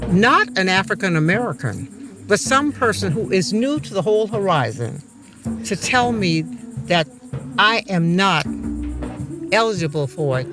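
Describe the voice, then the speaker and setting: High male voice, interviewee, personal testimony, clear music underneath. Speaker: interviewee telling own family's story.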